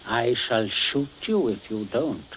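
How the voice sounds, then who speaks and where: A man's voice: mid-range voice, animated, measured pace, natural voice. An actor playing a scheming middle-aged father in a 1940s radio play, coldly jovial and suave while giving orders. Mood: menacing. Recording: dull old radio recording, faint hiss.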